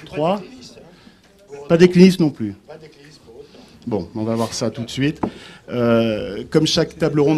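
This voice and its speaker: A man's voice: fairly high pitch, a little mellow. A man moderating a live round table informally, chatty and prodding with questions. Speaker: panel moderator. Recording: clear background noise, clicks.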